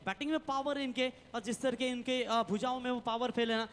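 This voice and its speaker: High-voiced poetic male cricket commentator, reverberant. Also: fairly even intonation, brisk, a bit bright. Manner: rhetorical, poetic. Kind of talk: live cricket commentary with recited verse. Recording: long reverb, like a PA system.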